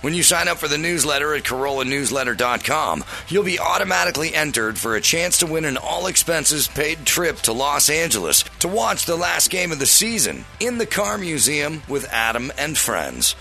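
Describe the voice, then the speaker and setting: A man announcing scripted promos in the booming manner of a prize announcer. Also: sing-song, moderate pace, creaky, few pauses, bright, forceful tone, soft background music.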